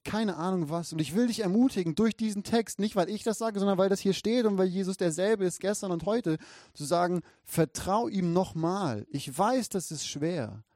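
A man's voice: high-pitched, lively intonation, moderate pace, a little mellow, no room sound, clean studio sound. A man preaching a sermon, reading Bible verses and directly encouraging his listeners in an earnest way.

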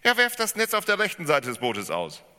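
A man's voice: a little high, wildly swooping pitch, quick pace, smooth, pitched above the performer's own voice, heavily acted. A preacher voicing a man calling to fishermen. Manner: calling out loudly. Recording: reverberant hall.

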